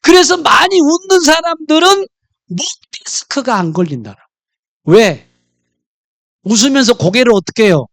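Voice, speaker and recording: A man's voice: very high-pitched, expressive, moderate pace, long pauses, fairly bright tone, no room sound, clean studio sound. A man preaching a sermon in church, mixing jokes and stories into his message. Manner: humorous, storytelling. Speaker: pastor.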